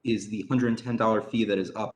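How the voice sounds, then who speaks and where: Low-voiced young man moderating. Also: steady tone, fast. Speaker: event moderator. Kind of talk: moderating a town hall.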